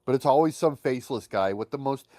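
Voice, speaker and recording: A man co-hosting a podcast in casual chat, animated and crude, often swearing and slipping into mocking voices. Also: medium pitch, fast, no echo, studio quality. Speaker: podcast co-host.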